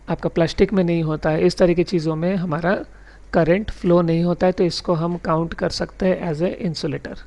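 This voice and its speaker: A man teaching a recorded electronics lesson, explaining step by step and reading out English definitions slowly. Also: high voice, a little mellow. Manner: mixes English technical terms into his speech. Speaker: electronics tutor.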